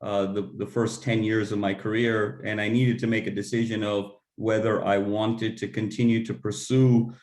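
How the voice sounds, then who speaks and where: A man from Los Angeles answering panel questions in a measured, halting way. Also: lowish voice, level tone, darkish tone, roomy sound. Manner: measured, halting, many fillers and restarts. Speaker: panelist, MSx student.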